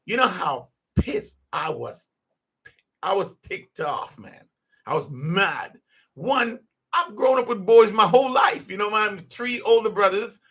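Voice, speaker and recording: Man in his fifties, podcast host, high pitch, bright voice, rambling restarts. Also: lively intonation, unhurried, slightly rough. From Jamaica. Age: 50s. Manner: earnest, rambling with many restarts. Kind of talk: unscripted personal monologue.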